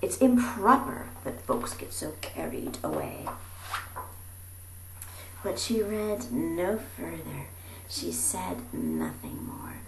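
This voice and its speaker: A woman reads a rhyming picture book aloud, animated, theatrical and highly expressive at an unhurried pace, dropping into breathy whispers and calling out. It's an amateur recording with a roomy echo and faint background noise.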